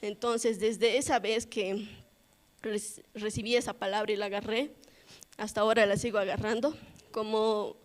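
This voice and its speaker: A woman's voice: medium pitch, little pitch movement, moderate pace. Young woman sharing her testimony at church, chatty, acts out what people said to her, plain middle voice. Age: 20s. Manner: casual storytelling, acting out quoted dialogue. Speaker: church member giving testimony. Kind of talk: personal testimony at a church service.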